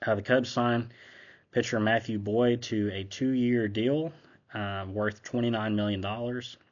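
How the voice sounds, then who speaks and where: A fairly low, fairly even male voice, a little slow and recorded lo-fi, belongs to a young host with a mild cold. Working his way down a list, he delivers a casual, conversational sports recap on his own channel.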